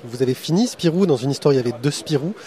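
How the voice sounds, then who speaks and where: A man's voice: mid-range voice, expressive, very fast, mellow. A man hosting a podcast, interviewing a comic artist at a festival and then chatting about his day there with many fillers.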